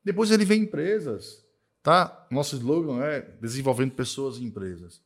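A man talking in a relaxed podcast chat, in a mid-pitched voice. He is emphatic and circles back on his points. He keeps checking in with his listener. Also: normal speed. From Northeast Brazil. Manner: emphatic, repeats himself, tag questions "tá?" and "né?". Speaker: accounting firm owner, podcast guest. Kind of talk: casual podcast conversation.

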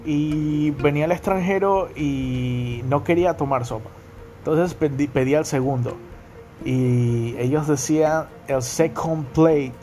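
A man's voice: a little high, unhurried, warm tone, faint music behind. A young man from Guayaquil with a coastal Ecuadorian accent, hosting a casual podcast monologue and checking in with his listeners often. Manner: chatty, repeats ¿me entienden?. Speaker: podcast host.

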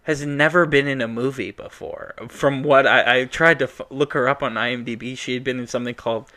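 A man's voice: mid-range voice, fairly even intonation, a little fast, sharp tone. A man co-hosting a casual film chat, explaining things at length and chuckling. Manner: explains at length, chuckles, talks over his co-host. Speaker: podcast co-host.

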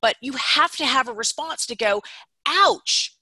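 Woman founder guest, bright and dry-voiced, emphatic and explanatory. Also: fairly high pitch, normal speed, no echo. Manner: emphatic, explains ideas step by step with rhetorical "right?". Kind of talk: interview guest speaking.

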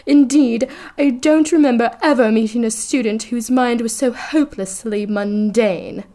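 A woman voicing a theatrical middle-aged female mystic teacher, breathy and grandly solemn. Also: fairly high pitch, normal speed, mellow, lightly acted. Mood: haughty.

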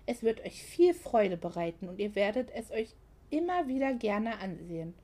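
A woman voicing a flustered, anxious young woman in a German audiobook, rushed and pleading. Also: medium pitch, sing-song, warm tone. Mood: eager.

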